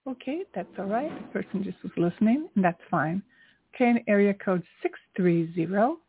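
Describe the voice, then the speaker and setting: A woman hosting a spiritual call-in show as an angel card reader, speaking in an encouraging, affirming way with a husky, gravelly voice. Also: mid-range voice, expressive, normal speed, a little hiss or hum. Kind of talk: spiritual reading with call-in segment. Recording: tinny phone-line sound, roomless and dry.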